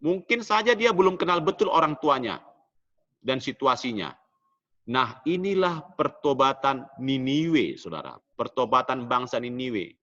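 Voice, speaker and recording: A middle-aged man preaching a sermon in a church, in an animated preaching manner that often drops low at the end of phrases. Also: unhurried, dull audio. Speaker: pastor.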